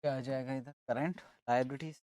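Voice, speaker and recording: A man's voice: medium pitch, fairly even intonation, brisk, a little mellow, dry recording, clean studio sound. A man teaching accounting in an informal lesson, casually working through the sums aloud.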